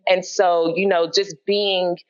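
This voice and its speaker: A woman hosting a podcast interview in casual chat, lively, encouraging and quick to laugh. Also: fairly low pitch, clear, resonant tone, muffled recording. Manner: lively, laughs often, prays and cheers on guest. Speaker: podcast host.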